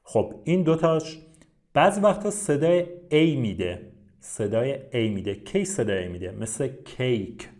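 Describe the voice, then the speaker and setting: A man teaching English to beginners at a steady, patient pace. He spells out letters and vowel sounds one by one with plenty of short pauses. His voice sits at an ordinary male pitch. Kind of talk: Persian-language English lesson.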